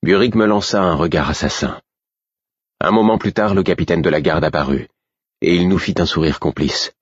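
A man reading a novel aloud in steady first-person narration. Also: deep voice, normal speed, husky, no room sound, lo-fi sound. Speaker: audiobook narrator.

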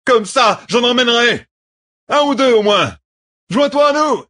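A man voicing a battle-crazed young male officer who yells in a manic frenzy, in an audiobook. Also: very high-pitched, expressive, measured pace, voice pushed up, exaggerated voice. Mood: manic shouting. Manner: shouting wildly, manic. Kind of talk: audiobook character voice.

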